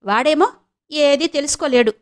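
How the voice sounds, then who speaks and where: Bitter old mother-in-law, harsh loud scolding, higher voice, woman putting her on, storybook reading. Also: moderate pace, lightly acted. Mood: bitter ranting.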